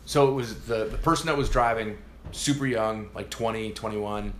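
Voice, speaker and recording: A man co-hosting a podcast in relaxed casual chat. He tells short anecdotes, laughs along and fills gaps with repeated yeahs. His voice sits in an echoey room over faint background hiss. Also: fairly low pitch, normal speed. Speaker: podcast co-host.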